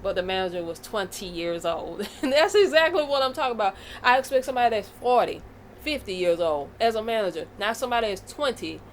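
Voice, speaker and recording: A woman's voice: medium pitch, expressive, a little fast, slight background noise. An American woman vlogging a casual commentary rant, blunt and profane, with a fired-up delivery. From United States.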